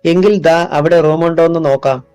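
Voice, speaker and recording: A man's voice: fairly high pitch, fairly even intonation, normal speed, darkish tone, clean tone, no room sound, faint music behind, lightly acted. A man voicing an anxious young man, grieving, asking hesitant and pleading questions.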